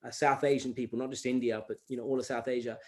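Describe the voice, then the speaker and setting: Speaking fast at a medium pitch, this man, a rapper raised speaking Gujarati, spins lively stories during a relaxed interview. He performs the dialogue he quotes and keeps stumbling into fillers and fresh starts.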